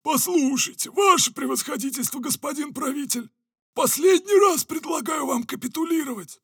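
A man's voice: very high voice, normal speed, a bit bright, no echo, studio quality, voice pushed up. A man voicing a power-hungry male villain ruler who bellows pompous commands in an audiobook. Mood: bellowing, commanding. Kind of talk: audiobook character voice.

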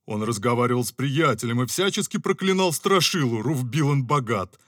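A man's voice: mid-range voice, a bit bright, no echo, studio quality, pitched above the performer's own voice, lightly acted. A man voicing a sly scheming owl. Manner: sly, confiding. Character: scheming old male owl adviser. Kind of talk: audiobook character voice.

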